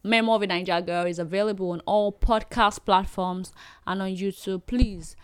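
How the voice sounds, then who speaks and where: A woman's voice: medium pitch, steady tone, normal speed, clear, resonant tone, no room sound. A young adult Nigerian woman hosting her own podcast, talking in a chatty, rambling way with fillers and little laughs. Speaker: podcast host. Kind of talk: solo podcast chat.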